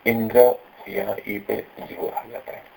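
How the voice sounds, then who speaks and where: A man teaching pronunciation, explaining patiently and slowing down to stress syllables when he demonstrates. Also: on the low side, creaky, mellow, rough recording. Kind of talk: explanatory lesson with recited examples.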